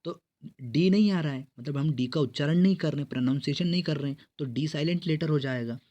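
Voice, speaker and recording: A man's voice: on the high side, mellow, muffled recording. A man teaching an exam-prep grammar lesson, explaining step by step and asking and answering his own questions. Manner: reads English quiz sentences slowly and clearly.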